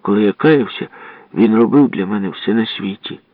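A man reads a first-person story aloud with animated, dramatic delivery. His voice is fairly low and dry. It comes through a narrow, phone-like radio broadcast. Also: moderate pace, no room sound. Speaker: narrator. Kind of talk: expressive story reading.

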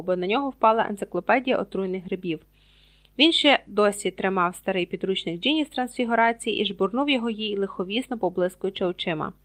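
A woman reads a storybook aloud in a steady, scripted narration. Her pitch sits in the middle of the range. She reads out the page numbers as she goes along. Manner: reads page numbers aloud, voices characters with raised loudness. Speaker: audiobook reader.

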